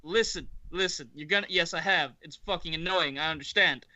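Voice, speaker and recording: A man's voice: fairly high pitch, fairly quick, bright, forceful tone, muffled recording. A man playing a captain in a casual tabletop game, laughing often, swearing and talking over the others. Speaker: player voicing a captain. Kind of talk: casual tabletop role-play.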